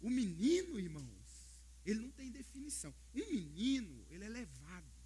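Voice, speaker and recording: A Brazilian man preaching a sermon as pastor, telling stories in an animated way and often calling out to the brothers in the congregation. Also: sits high, normal speed, husky. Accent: Brazilian Portuguese. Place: church service.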